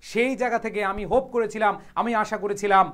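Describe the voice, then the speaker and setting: A young man with a Bangladeshi accent and a notably high voice, working through a reading passage as a tutor. He reads each English phrase slowly, then breaks it down with casual, teasing asides to his students. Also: fairly even intonation, fairly bright tone. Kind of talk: explaining a passage line by line.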